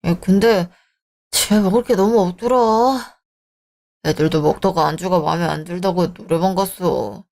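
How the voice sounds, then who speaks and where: A woman's voice: fairly low pitch, moderate pace, darkish tone, pitched below the performer's own voice, close to an everyday voice. A woman voicing a selfish, dismissive young married man in a radio drama, talking scornfully. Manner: scornful, bickering. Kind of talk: Korean radio drama acting.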